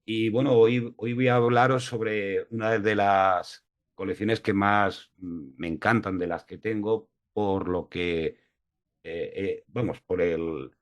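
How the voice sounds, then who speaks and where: A man's voice: on the low side, steady tone, slow. A man from La Mancha giving an online lecture, hesitant with many fillers, over a video call. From La Mancha, Spain. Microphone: video call mic.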